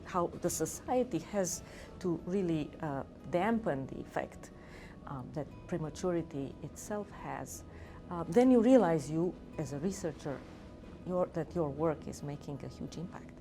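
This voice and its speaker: A woman's voice: deep voice, expressive, a little slow, warm tone, soft background music. A middle-aged woman from Romania, a physician and researcher, speaking earnestly in an interview with fillers and restarts. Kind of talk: interview talk.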